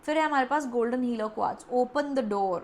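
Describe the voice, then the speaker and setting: High-voiced chatty tarot reader woman. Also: fairly quick. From India. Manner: chatty, coaxing, acts out the listener's doubts. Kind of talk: pick-a-card tarot reading.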